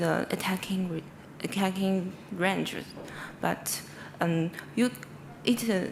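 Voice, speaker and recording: At an academic conference, a female researcher with a Chinese accent presents in halting English, frequently stumbling and correcting herself. Her pitch is medium, and the recording of the talk is clearly noisy.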